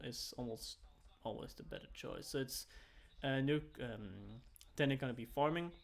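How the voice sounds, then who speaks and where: A young German-native amateur esports caster does casual solo commentary in a medium-pitched, slightly bright voice. He rambles, leans heavily on "like," and keeps restarting.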